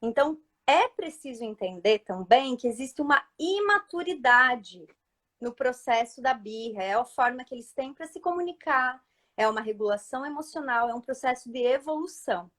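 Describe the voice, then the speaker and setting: High-voiced woman calmly explaining. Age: adult mother. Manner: calm, explanatory, often checks in with listeners. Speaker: parenting guest speaker. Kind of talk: live talk giving parenting advice.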